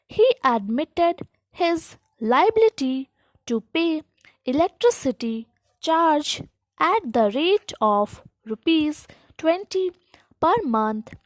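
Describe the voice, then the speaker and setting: A woman giving slow school dictation, reading formal text aloud in short, deliberate phrases with pauses between them. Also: high-pitched, no room sound, low-quality recording. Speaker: dictation instructor.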